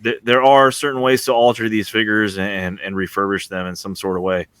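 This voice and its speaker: A man on a podcast video call, explaining at length with soft trailing asides. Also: fairly low pitch, little pitch movement, fairly quick, smooth, dry recording. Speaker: podcast co-host. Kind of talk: casual chat.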